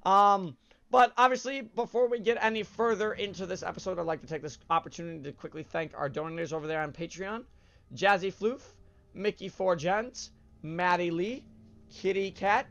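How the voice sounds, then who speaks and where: A let's play host with a cold-stuffed nose rambles through casual gameplay commentary in a high, creaky, fairly bright voice at normal speed. He's chatty, full of uhs and self-corrections, and the audio sounds dull.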